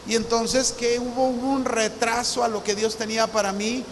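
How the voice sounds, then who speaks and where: A visiting pastor from Mexico, a man around sixty, preaches a sermon in a church hall, telling stories earnestly and acting out remembered dialogue. His voice is extremely high-pitched and flat, at a moderate pace. The hall is reverberant, with faint hiss.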